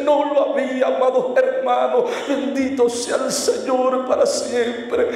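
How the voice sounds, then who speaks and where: A man's voice: very high voice, darkish tone. A man preaching as an evangelist, giving an impassioned sermon testimony with repeated appeals to his brethren. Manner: impassioned, repetitive, addresses brethren. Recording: echoey hall.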